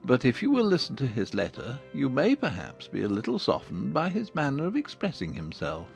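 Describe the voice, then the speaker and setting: A man playing a wry, teasing middle-aged husband and father in a dramatized audiobook, measured and drily ironic. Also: medium pitch, wildly swooping pitch, vocal fry, soft background music. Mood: dryly teasing.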